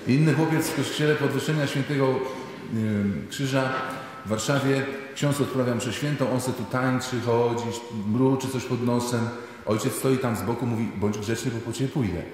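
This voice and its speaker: A man's voice: mid-range voice, normal speed. Man preaching in an echoey church. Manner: lively storytelling, acting out quoted people. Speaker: priest giving a parish talk. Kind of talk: sermon. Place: parish church. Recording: echoey church hall, faint noise.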